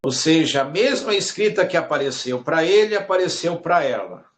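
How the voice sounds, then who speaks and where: A man teaching a Hebrew lesson, slow and repetitive. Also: fairly high pitch, big pitch swings. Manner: slow, repeats words while explaining. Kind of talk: recorded online lesson.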